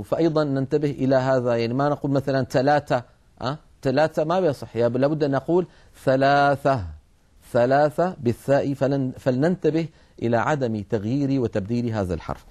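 A man's voice: mid-range voice, a little mellow. A man teaching Quran recitation in a methodical recorded lesson, sounding out letters aloud to demonstrate them.

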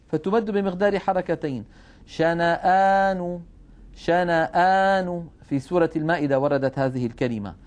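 A man explains recitation rules in a steady, measured teaching voice. His voice sits a little high for a man, and he slowly stretches out example sounds as he demonstrates them. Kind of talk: televised religious lesson.

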